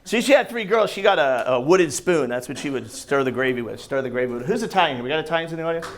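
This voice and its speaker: A man from New Jersey with a New Jersey accent doing a brash, profane stand-up set, singing and shouting bits on a comedy club stage. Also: fairly high pitch, animated, fast, very noisy. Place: comedy club stage before a laughing audience. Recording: live club crowd audible.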